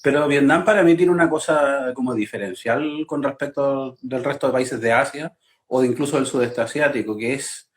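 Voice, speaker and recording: A man's voice: medium pitch, normal speed. A Chilean-born man, a guest chatting casually over a video call, talkative and often restarting as he searches for words.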